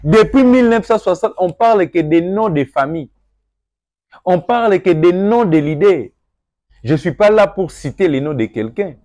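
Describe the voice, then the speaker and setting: A young Congolese man with a Congolese French accent giving an earnest address to viewers, moving between calm reflection and emphatic appeals. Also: high voice, normal speed, no echo, studio quality. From Democratic Republic of the Congo. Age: young adult. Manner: earnest, rising to emphatic, mixes French and Lingala. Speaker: political commentator.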